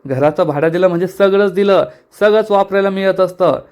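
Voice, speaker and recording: A man's voice: high voice, a little fast, a little mellow, clean tone, natural voice. A man reading aloud the lines of an angry, wronged woman who scolds and accuses her rival. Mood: scolding.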